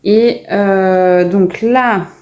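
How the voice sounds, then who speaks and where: A woman's voice: mid-range voice, fairly even intonation, extremely slow, highs cut off. A woman casually showing her finished coloring pages in a vlog, chatty and full of hesitations and restarts. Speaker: coloring vlogger. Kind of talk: casual show-and-tell vlog.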